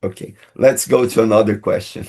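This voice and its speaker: A man giving a teaching talk in a webinar through an interpreter, halting and restarting often, on a video call. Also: lowish voice, steady tone, gravelly, darkish tone. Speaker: guest speaker and missionary.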